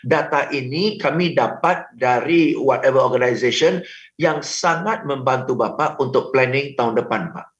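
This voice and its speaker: Male sales coach, lively delivery with role-played calls; roomy lo-fi radio sound. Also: mid-range voice, moderate pace. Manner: animated, acts out phone calls, frequent "betul kan?". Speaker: sales trainer guest. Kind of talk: radio talk show coaching. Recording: roomy, dull lo-fi radio audio.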